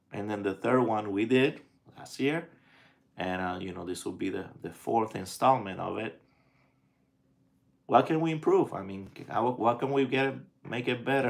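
Low-voiced, gravelly man chatting casually. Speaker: pipe tobacco vlogger and live stream host. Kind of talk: casual live chat. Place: small indoor room at home.

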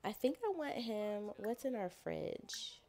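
A chatty woman talks through her life-sim gameplay in a relaxed, playful way. Her voice sounds mellow and warm, and she sometimes slips into her characters' thoughts as she plays. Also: medium pitch, slow pace, gravelly. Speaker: gameplay narrator. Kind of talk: casual let's-play commentary.

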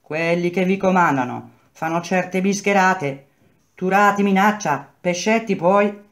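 A woman reading aloud and voicing a middle-aged male contractor who smoothly explains hard news to his workers. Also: fairly low pitch, measured pace, voice pushed up. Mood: persuasive. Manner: persuasive, explanatory, speaks to workers as a group.

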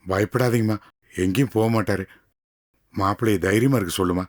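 An actor playing an elderly father who calmly reassures his daughter in a TV serial. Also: lowish voice, a little fast, natural voice. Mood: reassuring. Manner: calm, reassuring. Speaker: bride's father on the phone. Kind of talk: Tamil TV serial acting. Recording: music score behind the voice.

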